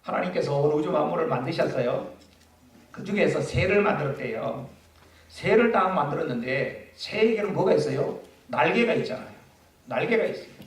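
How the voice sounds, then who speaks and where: A man's voice: on the high side, lively intonation, moderate pace, distant mic. A male pastor preaching a sermon in a conversational way and asking the congregation questions. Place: church sanctuary. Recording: echoey church from afar.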